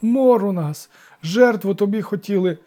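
A man's voice: high voice, measured pace, mellow, pitched above the performer's own voice. A man doing a wailing old village elder. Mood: pleading. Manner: wailing, pleading.

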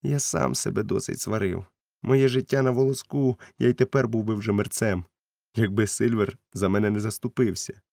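A man's voice: lowish voice, steady tone, moderate pace, gravelly, warm tone, no room sound, clean studio sound. A man voicing an honest boy who pleads earnestly, in a storybook reading. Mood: pleading.

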